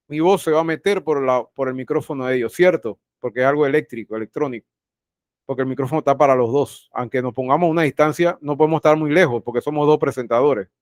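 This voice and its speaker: A man's voice: mid-range voice, no echo, studio quality. A man teaching an online class over a video call, who often repeats his phrases and puts questions straight to his students. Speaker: university teacher.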